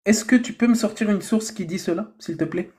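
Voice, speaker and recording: A man's voice: sits high, dark tone. Argumentative man hosting a live debate. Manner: argumentative, slow and deliberate when quoting scripture.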